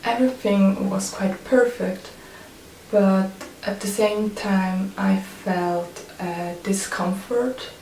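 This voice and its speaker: Here a female photographer from Switzerland, native in German and French, chats hesitantly in accented English, as if vlogging about her life. Her pitch is medium and her tone a bit mellow. Faint noise and a roomy, far-away mic color the recording.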